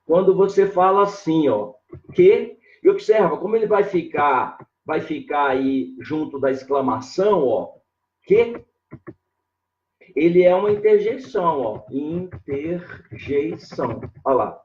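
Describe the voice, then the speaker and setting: A man's voice: a little high, expressive, unhurried, a little mellow, a little hiss or hum. A man teaching grammar in a live online lesson, drawing out key words, repeating "ó" as he points things out, and greeting viewers by name. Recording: echoey room, dull lo-fi sound.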